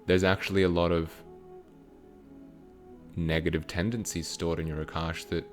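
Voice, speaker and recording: Male spiritual teacher, very deep voice, channeled teaching, measured pacing, faint music bed. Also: little pitch movement. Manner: slow, measured, broken into short phrases. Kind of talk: channeled teaching with guided meditation.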